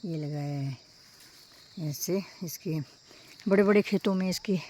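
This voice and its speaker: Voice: mid-range voice, a little slow, a little mellow, a little hiss or hum. A village vlogger from talks casually outdoors among small crop beds, pointing things out and repeating "look at this" as they show the plants. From Uttarakhand, India. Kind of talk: casual walk-around farm vlog.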